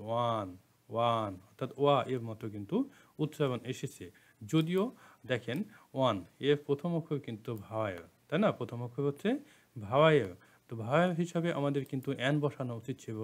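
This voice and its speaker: Man teaching a grammar lesson step by step. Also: mid-range voice. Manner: explains step by step, repeats phrases, asks rhetorical questions.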